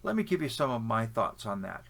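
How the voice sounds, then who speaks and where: His pitch swings widely around a medium range, and his voice is gravelly and fairly bright, moving at a fairly quick pace. He's a Canadian-accented language-learning vlogger giving opinionated, conversational advice to camera, full of fillers and restarts.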